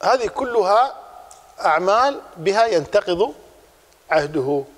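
A man teaching a religious class, explaining a text in a lively way and repeating his key points. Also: high-pitched, unhurried, big-room sound.

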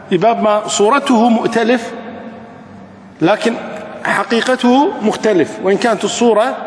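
A man teaching hadith sciences, slowly reciting lines of a classical poem and then explaining them at an easy, patient pace. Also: high-pitched, reverberant, in a large hall.

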